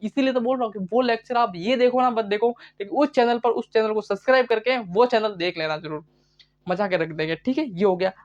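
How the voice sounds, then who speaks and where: A man's voice: sits high, a little fast, muffled recording. A male biology teacher in a live online class, talking in a chatty way. He keeps asking the class questions and then answers them himself, repeating each key term several times. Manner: chatty, addresses students as bhai.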